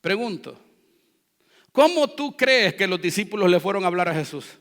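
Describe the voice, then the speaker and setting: High, bright-voiced preaching pastor. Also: male voice, big pitch swings, normal speed. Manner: exhorting, call-and-response with the congregation; swings from low, quiet asides to loud, fervent preaching. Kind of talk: Spanish-language church sermon. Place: church sanctuary. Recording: long reverb of a church hall.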